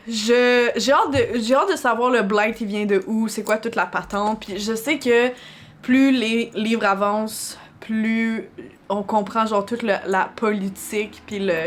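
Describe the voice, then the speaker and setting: A young adult woman with a Québécois French accent vlogs her reactions to books, casual and strongly opinionated, dropping English phrases into her French. Her voice is a little high, steady in tone and measured in pace.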